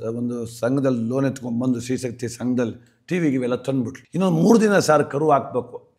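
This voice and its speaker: A man with a gravelly, creaky voice spins a comic village tale. He talks in an animated way and slips into the characters' voices for their lines. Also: mid-range voice. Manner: animated, acts out characters in quoted dialogue. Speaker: storyteller guest. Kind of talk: comic folk storytelling.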